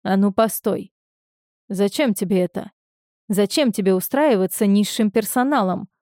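A woman's voice: medium pitch, moderate pace, mellow, no room sound, clean studio sound, natural voice. A woman voicing an angry, domineering young man who speaks in curt commands.

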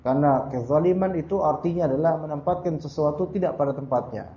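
A man's voice: fairly high pitch, fast talker. A male Islamic teacher gives a conversational religious study lecture. He quotes Arabic verses, explains them, tags his sentences with "ya" and keeps addressing his listeners as "Pak". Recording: echoey room, dull lo-fi sound.

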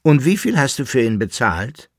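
A man voicing a coarse, impudent male servant who scolds his master in a shrill, loud, cheeky tone. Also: sing-song, normal speed, breathy edge, no echo, clean studio sound. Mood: brash.

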